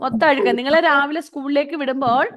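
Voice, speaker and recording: A woman teaching English to kindergarten children in an online class, speaking with a Malayali accent. She stretches out her English words slowly, then switches quickly into Malayalam, coaxing the children by name. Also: high-pitched, steady tone, a bit bright.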